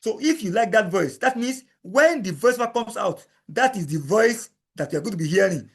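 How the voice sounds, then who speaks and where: High-voiced man explaining step by step. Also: animated, moderate pace. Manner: repeats each step, plain explanatory. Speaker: instructor. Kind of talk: screen-recording software tutorial.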